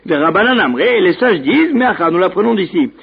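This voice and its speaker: A man teaching a religious text, reading each Hebrew phrase and then translating it into French in a measured way, with small restarts. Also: high voice, very animated, vocal fry, husky, dull audio. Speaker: Talmud teacher.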